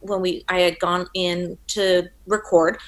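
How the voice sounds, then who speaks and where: A woman's voice: fairly low pitch, flat delivery, a little slow, low-quality recording. A woman telling stories as a guest in a casual interview, chatty, with many restarts.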